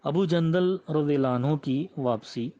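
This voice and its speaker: A man reading a religious biography aloud in a measured, reverent way and ending with a prayer. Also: fairly high pitch, warm tone. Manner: measured and reverent, with frequent honorifics. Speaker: religious history reader. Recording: slightly muffled, dull audio.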